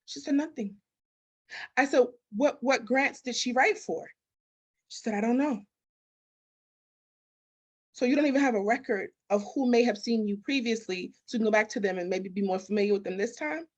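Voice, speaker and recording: Pitched on the high side and speaking at normal speed with long pauses, a woman takes part in a conversational interview as a guest expert in business consulting and grants. Her manner is emphatic, full of rhetorical questions and acted-out dialogue.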